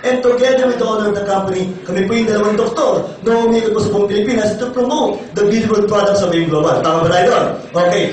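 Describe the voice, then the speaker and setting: A hoarse middle-aged man with a Filipino accent, giving a lively, playful seminar talk and often asking the audience questions. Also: high voice, fast talker, hardly any pauses. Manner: energetic, playful, often asks the crowd questions. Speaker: company doctor giving a sales seminar. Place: large seminar hall. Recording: very echoey hall, distant, faint room noise.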